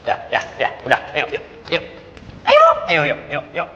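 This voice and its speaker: A sneering, pushy trafficker agent. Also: male voice, fairly high pitch, huge pitch swings, pushed and bright, long reverb tail, highs cut off, heavily acted. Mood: impatient. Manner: bossy, hurried, sneering, keeps urging "ayo". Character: slick male trafficker posing as job agent, pushy and gloating. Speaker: job agent.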